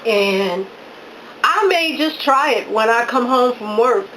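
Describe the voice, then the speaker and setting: A woman's voice: on the high side, expressive, slow pace, a bit bright, a little hiss or hum, poor audio. A woman vlogging at home as she tastes her own cooking, exclaiming with delight and talking through mouthfuls of food. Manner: effusive, exclaiming with delight between bites; talking with her mouth full while chewing. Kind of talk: casual talk while tasting food.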